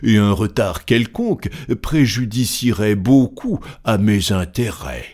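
Cold, measured English gentleman, read by a man, slow and deliberate. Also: fairly low pitch, animated. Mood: firm. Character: cool, composed English gentleman.

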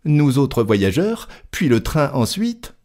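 A man voicing an excitable young French manservant in an audiobook reading, insistent and protesting as he keeps getting cut off. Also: mid-range voice, takes it slowly, voice pushed up. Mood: flustered insistence.

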